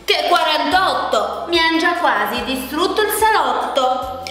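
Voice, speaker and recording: A woman voicing a fussy, grumbling little old woman in a children's storybook, with shrill sing-song complaints. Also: expressive, slow pace, fairly bright tone. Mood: complaining. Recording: echoey room with long reverb, faint music.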